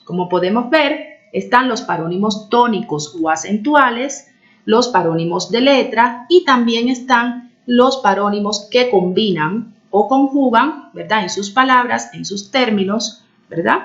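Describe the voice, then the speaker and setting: Woman, teacher, explanatory lesson voice, often checks understanding, slightly dull lo-fi sound. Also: on the high side. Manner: stretches out key words when stressing them. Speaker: primary school teacher. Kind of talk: recorded video lesson.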